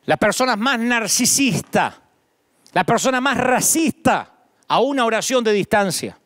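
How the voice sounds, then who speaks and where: A man's voice: extremely high pitch, animated, unhurried, a bit bright, no room sound, clean studio sound. A middle-aged man with an Argentine accent, preaching a sermon as pastor, building repeated lists with rising emphasis. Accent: Argentine Spanish.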